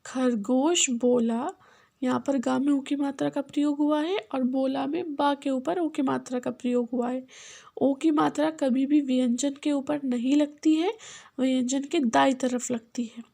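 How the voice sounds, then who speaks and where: A woman teacher giving a children's phonics lesson, sounding out syllables slowly and repeating each word, switching between Hindi and simple English. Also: sits high, steady tone, creaky, dark tone.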